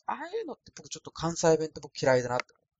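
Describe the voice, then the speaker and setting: A man's voice: on the high side, wildly swooping pitch, racing, darkish tone, highs cut off, slight background noise. A man from Osaka rambling casually through a solo podcast, with a thin, light voice and a self-deprecating manner. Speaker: podcast host. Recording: dry, no added echo.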